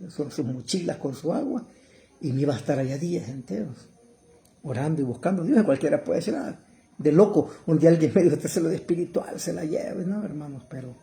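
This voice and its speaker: A middle-aged man preaches with fervor, often calling out to his brothers and sisters. His voice sits a little high yet sounds very dark and mellow. Now and then he swells into loud, pleading cries. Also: gravelly, slight background noise. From El Salvador. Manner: fervent, addresses listeners as brother, rises to loud cries when quoting. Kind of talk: sermon.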